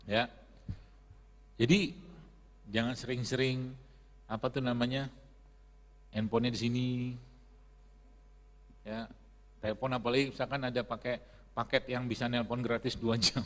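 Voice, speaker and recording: A middle-aged man giving a casual religious health talk to an audience, chatty and laughing often. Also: medium pitch. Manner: chatty, laughs often, uses Islamic phrases. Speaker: preacher and health speaker. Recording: long hall reverb.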